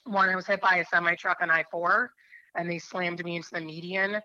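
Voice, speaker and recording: In an interview, a New Hampshire attorney in her thirties shares her faith story, earnest and rambling, with plenty of filler words. Her lowish voice keeps a steady, sharp tone and a brisk pace, recorded dry but dull.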